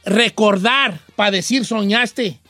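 A playful man with a western Mexican accent, hosting a chatty show in a very high, bright voice. The sound is dry and close, with faint music underneath. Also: takes it slowly, no room sound. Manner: playful, animated, explaining regional slang. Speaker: radio show host. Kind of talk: casual chat.

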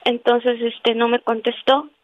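A woman caller tells her story earnestly and devoutly, filling pauses as she goes. Her fairly high voice comes through a thin, dry phone line. Soft music plays underneath. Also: level tone, no echo. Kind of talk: telling a personal story on a call-in radio show.

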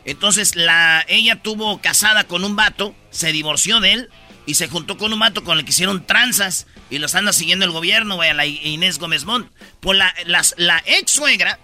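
An animated man with a Mexican accent hosts a casual comic radio show, full of slang and acted-out voices. His voice sits high and very bright, leaping around in pitch, with faint music underneath. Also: moderate pace.

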